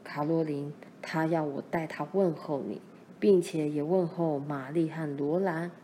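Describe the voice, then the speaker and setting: A woman doing a low, steady pioneer father. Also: a little slow, slight background noise. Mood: calm. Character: steady pioneer father, middle-aged man.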